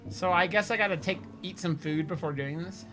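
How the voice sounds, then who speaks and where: A woman's voice: lowish voice, fairly quick, a bit bright, soft background music. A woman hosting a let's play with casual, playful, teasing commentary.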